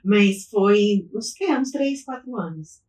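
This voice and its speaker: A woman's voice: medium pitch, expressive, slow pace, a little mellow, roomy sound, recorded from a distance, poor audio. A middle-aged woman from Minas Gerais, Brazil, chatting as a podcast guest about her life and often restarting her sentences. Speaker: guest, business owner. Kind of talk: interview storytelling.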